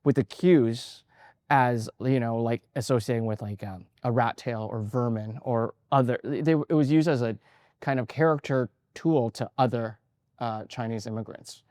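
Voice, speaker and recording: Discussing his art in an interview, a man in his 40s who grew up in Canada speaks at a normal speed in a mid-range, slightly mellow voice, recorded with no echo. He's reflective and unsure, filling pauses and restarting often.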